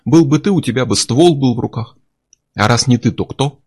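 A sneering armed criminal, coarse and threatening, as a male narrator puts him on. The husky voice sits a little higher and louder than the reader's own. This is audiobook character work. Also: animated, normal speed. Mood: suspicious, hostile. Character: menacing armed male criminal, mocking and hateful.

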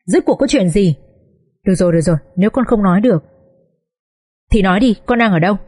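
A frightened, trembling mother pressing her daughter with questions on the phone, as a woman narrator gives her voice. The tone is warm and mellow, without sharpness. It is an audiobook reading. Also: mid-range voice, lively intonation, fast talker, husky. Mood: anxious. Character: worried middle-aged mother on the phone.

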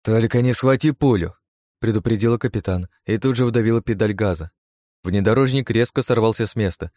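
A man narrating an audiobook, reading in a steady, even way. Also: lowish voice, no echo.

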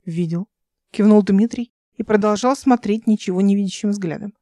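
A woman reads an audiobook in a calm, even storytelling manner. Her voice is mellow and dark. The sound is dry and close. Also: mid-range voice, fairly quick, no echo. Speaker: audiobook narrator. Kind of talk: audiobook narration.

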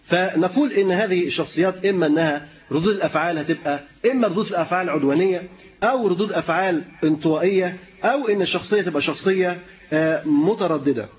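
A man's voice: sits high, fast talker, highs cut off. A man with an Egyptian Arabic accent teaching an interactive lesson, questioning the audience and chuckling often. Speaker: preacher teaching a class.

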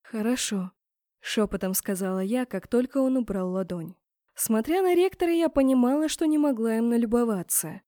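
Expressive woman audiobook narrator. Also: fairly high pitch, fairly quick, no echo, studio quality. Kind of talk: first-person romance fantasy narration.

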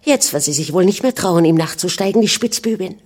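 A woman's voice: on the low side, lively intonation, fairly quick, darkish tone. A woman reading aloud voices a peasant woman who whispers spiteful gossip. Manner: whispering, scornful.

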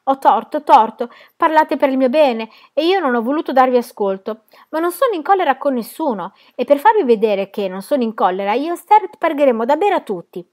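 Woman doing a loud drunken brawler. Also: mid-range voice, lively intonation, normal speed, lightly acted. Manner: loud, blustering. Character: drunken quarrelsome man.

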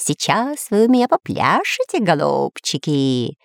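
A woman voicing a sneaky male parrot villain in a children's storybook reading, with squawking, gloating shouts. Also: low-pitched, sing-song, measured pace, creaky, no room sound, clean studio sound, heavily acted.

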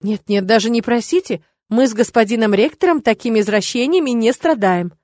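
A woman's voice: fairly high pitch, brisk, a little mellow, no echo, natural voice. A woman reading the part of an ironic male academy magister, mocking in a dry tone. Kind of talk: audiobook character reading.

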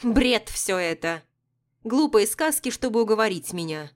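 A woman voicing a haughty, capricious, sickly old empress who bursts out loudly and scornfully. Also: lowish voice, expressive, normal speed. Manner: loud, scornful outbursts.

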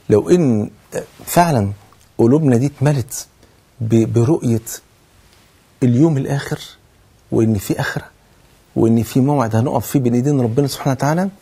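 A man's voice: mid-range voice, warm tone, slightly rough. A man with an Egyptian accent preaching a sermon in earnest, asking rhetorical questions and answering them himself. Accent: Egyptian Arabic. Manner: earnest, swears oaths to stress points. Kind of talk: religious sermon.

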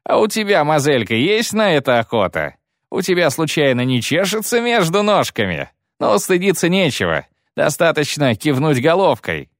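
A man's voice: medium pitch, sing-song, normal speed, dry recording, studio quality, lightly acted. A man voicing a mocking, leering young male bandit with a sneering, mock-polite manner.

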